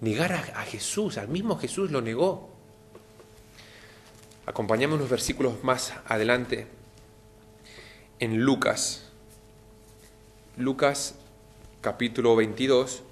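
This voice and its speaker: A man preaching a televised sermon, speaking straight to his listeners and acting out the quoted lines with lively jumps in pitch. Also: slow, pauses often, a little hiss or hum. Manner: animated, acts out quoted lines with rising pitch; addresses the audience directly.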